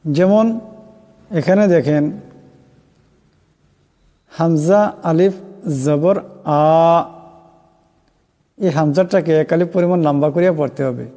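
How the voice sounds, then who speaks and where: A man teaching Quran reading, patiently spelling out letters and vowel marks one by one in a slow recited lesson. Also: on the high side, mellow. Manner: patient, repetitive letter-by-letter drilling. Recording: long hall reverb, faint music behind.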